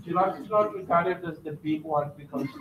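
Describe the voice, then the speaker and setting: A man with a South African accent speaking to schoolchildren in a classroom, asking them questions and pausing on fillers. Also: high voice, a crowd in the background. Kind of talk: classroom talk. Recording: roomy, distant classroom recording with faint noise.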